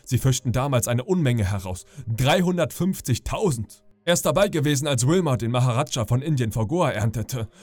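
A man's voice: mid-range voice, expressive, brisk, hardly any pauses, no room sound, soft background music, natural voice. A man voicing a friendly, talkative old ship's cook in a sleep audiobook, genial and boastful. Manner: genial, chatty, boastful storyteller. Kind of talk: audiobook character reading.

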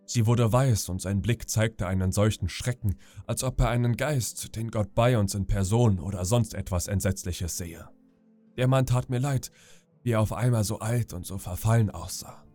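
A man reading a bedtime audiobook in a calm, measured storytelling way. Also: lowish voice, soft background music. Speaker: audiobook narrator.

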